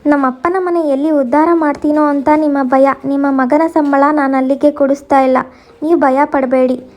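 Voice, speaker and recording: A woman's voice: sits high, steady tone, moderate pace, a little mellow, natural voice. A woman voicing a defiant young wife who answers her mother-in-law sharply.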